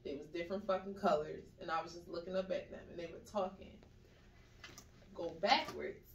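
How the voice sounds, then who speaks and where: Animated woman telling stories in an echoey room. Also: fairly low pitch, brisk, slight background noise. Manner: animated storyteller, acts out quoted voices. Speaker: podcast co-host. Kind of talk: casual storytelling chat. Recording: echoey room, mic at a distance.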